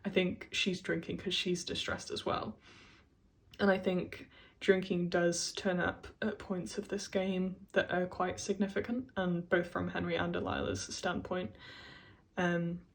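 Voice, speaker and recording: Woman, casual video essayist; chatty, filler-heavy, laughs often, voice a touch low. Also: level tone, unhurried.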